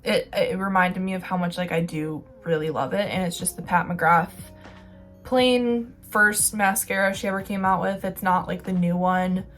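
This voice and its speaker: A young woman talks through her favorite products in a relaxed, rambling way, full of fillers and quick asides. Her voice sits a little low for a woman. Faint music plays underneath. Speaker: beauty vlogger. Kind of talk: casual product review.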